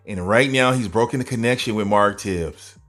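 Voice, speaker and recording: A man commentating over a boxing video in an animated way, full of rhetorical questions and chuckling asides. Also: lowish voice, normal speed, soft background music.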